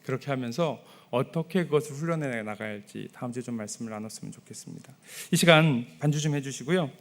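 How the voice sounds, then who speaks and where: A male pastor giving a Sunday sermon in a church, talking to the congregation in a conversational way and softly acting out sample prayers. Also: mid-range voice, fast talker. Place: church sanctuary.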